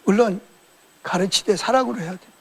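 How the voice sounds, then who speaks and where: High, gravelly-voiced male preacher. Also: fast talker. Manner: colloquial storytelling, animated retelling with quoted dialogue. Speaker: pastor. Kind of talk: sermon.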